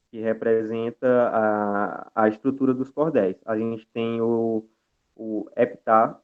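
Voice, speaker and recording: A young man with a Brazilian accent lectures over a video call at an ordinary pitch, stopping often on filler sounds and restarting his phrases. His voice comes through thin and tinny, like a phone line. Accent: Brazilian Portuguese. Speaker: guest speaker. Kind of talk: online lecture presentation.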